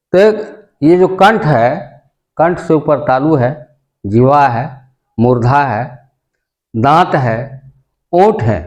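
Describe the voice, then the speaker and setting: A man's voice: mid-range voice, a little mellow. A man teaching a grammar lesson, repeating each point and quizzing his listeners with questions he answers himself. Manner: slow, deliberate delivery. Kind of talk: classroom-style grammar lesson.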